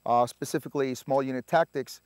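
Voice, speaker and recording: A man, a Spanish speaker, telling his story in a relaxed, halting way full of filler sounds. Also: medium pitch, smooth, dry recording, studio quality. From Puerto Rico. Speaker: army veteran guest. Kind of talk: casual interview storytelling.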